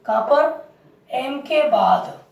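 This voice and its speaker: A woman's voice: high-pitched, expressive, very slow, muffled recording. A woman teaching English word pronunciation as a lesson, repeating words and asking the class questions. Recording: roomy, distant mic.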